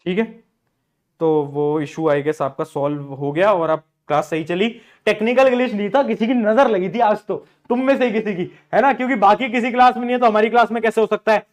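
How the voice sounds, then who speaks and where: A man's voice: high voice, steady tone, brisk. A man teaching an online class, chatty, repeating phrases and mixing English terms into his talk.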